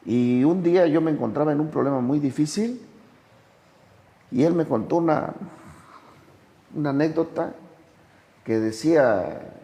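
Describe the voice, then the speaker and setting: A man speaking as a sponsor and podcast guest tells reflective stories conversationally, his voice gravelly and mellow. His delivery is slow and measured, with dramatic, animated pitch swings when he tells anecdotes. The audio is dull and carries a long reverb.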